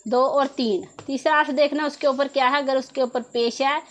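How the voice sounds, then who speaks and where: In a step-by-step Quran reading lesson, a woman speaks at a normal speed in a high, steady voice. She goes over each rule patiently and asks questions before supplying the answers herself.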